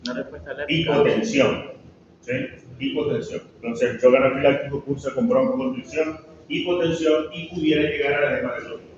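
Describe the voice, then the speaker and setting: A man's voice: mid-range voice, fairly even intonation, fairly quick, far from the mic, a little hiss or hum. A male pharmacology lecturer with a Venezuelan Spanish accent, giving a classroom lecture and often checking in with the students. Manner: asks the class questions, frequent "¿sí?" checks. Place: large classroom. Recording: echoey, muffled classroom from afar.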